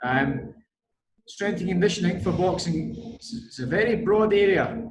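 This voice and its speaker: Scottish guy, really broad accent, coach doing an online lecture, slightly high voice, roomy echo. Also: expressive, moderate pace, crowd noise. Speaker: strength and conditioning coach giving a lecture.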